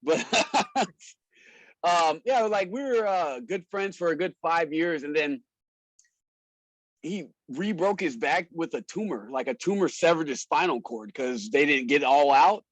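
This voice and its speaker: Laughing often, the wrestler-promoter spins casual stories in slangy language for a podcast interview. He sounds fairly high and expressive at a measured pace, with no room sound in a low-quality recording.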